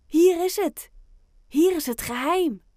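A woman voicing an excitable, stubborn young penguin boy in a children's audiobook, with an eager, proud way of talking. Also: very high-pitched, slow pace, no echo, studio quality, pitched above the performer's own voice.

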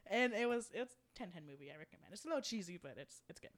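A woman's voice: medium pitch, expressive, fast talker. A young woman chatting casually and telling a story, swearing often, laughing a lot and acting out the people she quotes. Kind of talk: casual chat.

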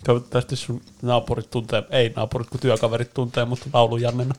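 Guy joking around with his roommates, playful, teasing, normal pitch. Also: completely flat delivery, a little mellow, slight background noise. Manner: playful, teasing, often laughing. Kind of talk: casual chat among roommates.

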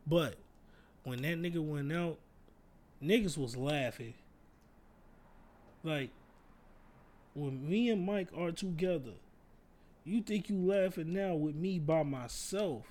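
A man with a slightly high voice, telling laid-back stories in a casual chat. He talks in heavy slang and swears freely. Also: slow pace, long pauses, darkish tone. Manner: laid-back storyteller, laughs through his punchlines. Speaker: podcast co-host.

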